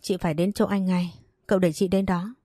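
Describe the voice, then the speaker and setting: A woman's voice: fairly low pitch, level tone, fairly quick, dark tone, no echo, clean studio sound, soft background music, close to an everyday voice. A woman voicing a weary, heartbroken young wife who answers in a tired, subdued way. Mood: anxious.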